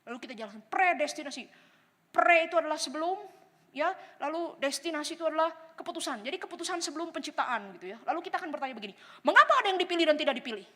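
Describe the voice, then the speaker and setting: A woman teaching a theology class to a congregation, animated and full of rhetorical questions. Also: high-pitched. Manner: animated, rhetorical questions, acts out quoted inner voices. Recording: long hall reverb.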